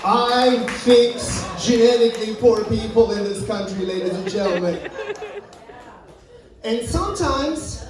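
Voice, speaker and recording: A man's voice: high voice, a little slow, a crowd in the background. A man from Turkey, performing a brash, profane stand-up set in a lounge. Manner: brash, profane, punchy delivery. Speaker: stand-up comedian. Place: lounge stage. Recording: echoey room from a distant mic.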